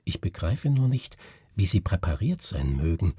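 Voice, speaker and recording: A curious gentleman, read by a man, wonders aloud in slow, musing sentences. The voice is low and husky, with lively rises. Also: no room sound, clean studio sound, full character voice. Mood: puzzled. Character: curious scholarly gentleman, astonished.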